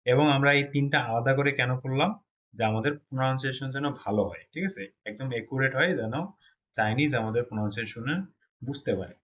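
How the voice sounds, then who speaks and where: A man from Bangladesh speaks fast in a mid-range, fairly bright voice while teaching a Chinese pronunciation class. He explains step by step and often checks that his students are following.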